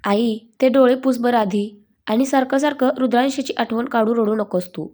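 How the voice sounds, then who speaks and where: A woman voicing a caring young woman who comforts her mother-in-law in a soothing, gentle way, in a story reading. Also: on the high side, moderate pace, lightly acted.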